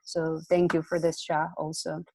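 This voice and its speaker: A woman's voice: low voice, monotone, moderate pace, gravelly, dark tone, dry recording. A woman from Ukraine speaks over a video call from her home. She talks hesitantly, full of fillers and restarts, as a community organizer and guest. The sound is close and dry, with no room around it. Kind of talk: casual online talk.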